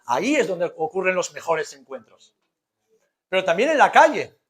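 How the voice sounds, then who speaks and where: A man's voice: sits high, sing-song, normal speed. A man with an accent from Spain preaching a conversational sermon as a pastor, using rhetorical questions, emphatic repetition and colloquial humour. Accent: Spanish from Spain.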